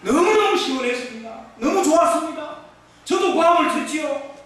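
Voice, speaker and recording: A male pastor giving a fervent revival-meeting testimony, shouting out exclamations. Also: very high-pitched, expressive, fairly quick, slight background noise. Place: church hall. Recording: echoey church hall, from far off.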